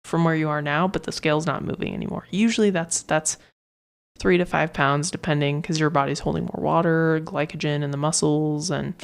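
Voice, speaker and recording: A woman's voice: low-pitched, fairly even intonation, fairly quick, gravelly, clean tone. A woman hosting her own fitness podcast, talking casually and rambling with lots of fillers and restarts. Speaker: fitness coach podcast host. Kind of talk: casual solo podcast talk.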